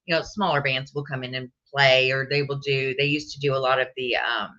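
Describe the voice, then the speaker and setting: A man as a guest in a casual chat, enthusiastic and halting, full of fillers. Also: medium pitch, steady tone, bright, forceful tone. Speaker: guest investigator. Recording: dull lo-fi sound.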